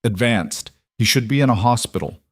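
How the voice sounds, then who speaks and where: A man voicing a grave, kindly country doctor who speaks quietly, steadily and firmly, as an audiobook character. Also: medium pitch, moderate pace, dry recording, studio quality, close to an everyday voice.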